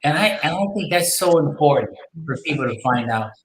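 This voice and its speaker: A man's voice: a little high, expressive, brisk, roomy sound, a little hiss or hum, rough recording. A man from Chicago with a Puerto Rican accent, speaking earnestly and urging listeners, often repeating phrases. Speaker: panel guest. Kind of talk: casual panel discussion.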